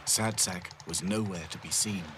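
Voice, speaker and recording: A man narrating a children's cartoon in a gentle, lilting storybook manner. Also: deep voice, normal speed, slight background noise.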